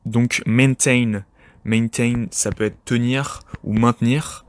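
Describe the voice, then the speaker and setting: A man's voice: medium pitch, steady tone, takes it slowly. A man giving an informal spoken lesson, talking directly to the listener with many hesitations and repeated words. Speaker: English teacher, podcast host. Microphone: podcast microphone.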